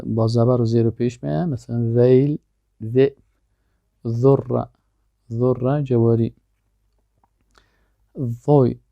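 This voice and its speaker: A man's voice: mid-range voice, creaky, warm tone, no room sound. A man teaching Arabic, reading drill phrases aloud and explaining each one in a patient lesson. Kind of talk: language lesson.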